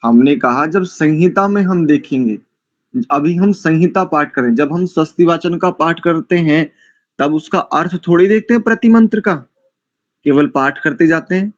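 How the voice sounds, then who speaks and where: A man's voice: fairly high pitch, no room sound, dull audio. A man with a Hindi accent teaching Vedic mantra pronunciation in an online class, breaking words into syllables and repeating them. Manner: slow, syllable-by-syllable pronunciation drills. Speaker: Sanskrit chanting teacher.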